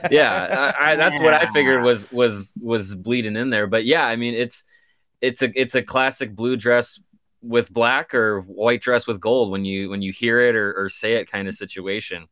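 A man's voice: medium pitch, moderate pace, sharp tone. An American man chatting casually as co-host of a sports talk show. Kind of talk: casual chat.

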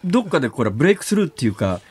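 A male radio host who interviews a guest in casual chat, asking quick, teasing questions and laughing along. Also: fairly high pitch, very animated, darkish tone, breathy edge, no room sound. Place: radio studio.

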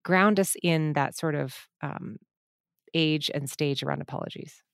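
Woman host with a low voice, dry recording, encouraging interviewer. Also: unhurried, vocal fry, clean tone, dry recording. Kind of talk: interview questions.

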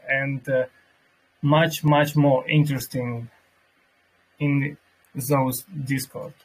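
A man who is a native Russian speaker, hosting an online workshop and introducing a guest in a halting way, searching for words, with a slightly husky voice. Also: medium pitch, rough recording. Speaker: host of an online crypto community workshop.

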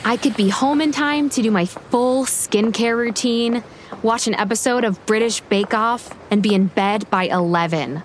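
An actress playing an anxious, uptight young American bride-to-be and affectionate big sister in a naturalistic audio drama. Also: female voice, fairly high pitch, moderate pace, faint music behind, natural voice. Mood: weary, wry. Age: young adult. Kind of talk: scripted audio drama, naturalistic dialogue and narration.

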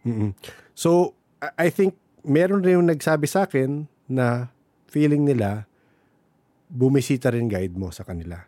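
Podcast host, mellow and relaxed tone, attentive, dry close sound. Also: medium pitch, a little slow, pauses often, dry recording. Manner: attentive, many short backchannels. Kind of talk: casual interview chat.

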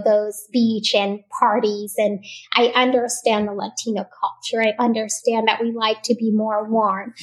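The recording is rough, and her voice is fairly high. A Puerto Rican physician whose first language is Spanish, she is a guest on a podcast interview and speaks in an earnest, warm-hearted way, leaning on fillers and frequently adding "right?".

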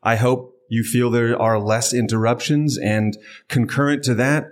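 A man's voice: mid-range voice, steady tone, measured pace. A man co-hosting a true crime podcast live before an audience, upbeat and promotional, with playful defensiveness in his banter. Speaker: podcast co-host.

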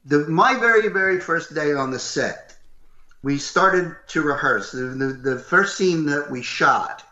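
An older man with a loud, gruff voice, telling animated stories as a voice actor being interviewed. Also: on the high side, unhurried. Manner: animated, acts out what others said. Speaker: voice actor guest. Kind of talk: interview storytelling. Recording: roomy, slightly dull recording.

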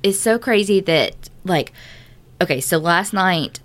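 Lower-voiced woman, swearing and emphatic. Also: lively intonation, slow. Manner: emphatic, profane, uses like as a filler a lot. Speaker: podcast co-host. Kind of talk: casual chat and reading aloud.

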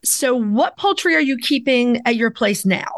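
A woman's voice: fairly high pitch, lively intonation, moderate pace, dry recording, clean studio sound. A woman co-hosting a podcast, chatting casually and asking her guest questions with enthusiasm. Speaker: podcast co-host.

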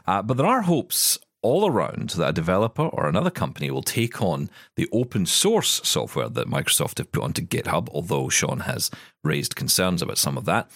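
A man with a low voice that swings widely as he talks, hosting a casual tech podcast. He sounds chatty and self-deprecating, and the studio mic is dry and close. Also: very animated, a little fast, fairly bright tone, no room sound. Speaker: podcast host. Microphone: studio microphone.

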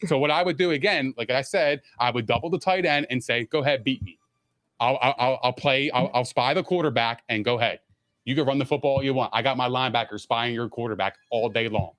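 A man's voice: medium pitch, quick pace, a bit bright. A man talking like a hyped frat bro, with casual slang and swearing, as a panelist on a sports podcast.

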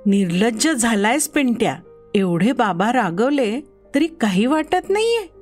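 Brief: woman reading as an exasperated storybook mother scolding her boy, slow and high. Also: sing-song, darkish tone, faint music behind. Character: scolding middle-aged mother, sharp-tongued but loving. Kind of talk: storybook narration.

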